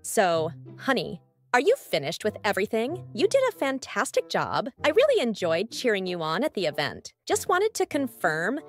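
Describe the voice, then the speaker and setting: A woman's voice: medium pitch, huge pitch swings, normal speed, soft background music. A woman voicing Joy, a bubbly, sugary female emotion who gushes and stammers, in a fan comic dub. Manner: sweet, gushing, hesitant stammers.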